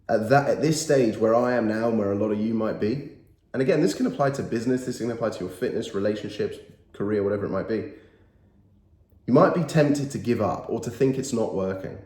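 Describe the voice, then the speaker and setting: Here a thirtysomething motivational YouTuber, his lowish, warm voice stuffed up by a cold, delivers an earnest, emphatic pep talk to camera. He keeps circling back to his key phrases while the room adds a roomy echo.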